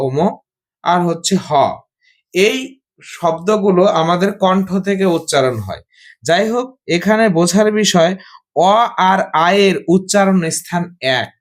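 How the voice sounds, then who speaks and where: Male teacher, high voice, patient explainer who drills and quizzes students. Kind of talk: Sanskrit grammar lesson.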